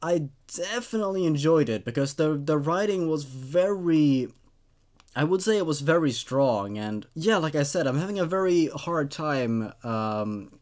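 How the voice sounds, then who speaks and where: This YouTube host, a twenty-something non-native English speaker, reads horror stories with lively intonation at a measured pace, his voice a little high and a little mellow. He mixes narration with casual remarks, speaking close into a boom-arm studio mic in a small dark room.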